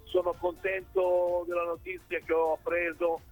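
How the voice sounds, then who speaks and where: A man calling a radio show over the phone, greeting the hosts with halting, stammering speech and repeated words. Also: sits high, sing-song, vocal fry, dull audio, faint music behind. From southern Italy. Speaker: radio caller. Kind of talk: casual greetings on a call-in show.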